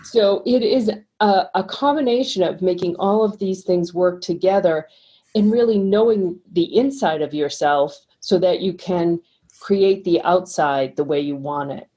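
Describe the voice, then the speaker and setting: A middle-aged woman with a Boston accent, a financial coach explaining ideas calmly and steadily as a podcast guest. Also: fairly low pitch. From Boston, USA. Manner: calm, explanatory, measured. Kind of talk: podcast interview.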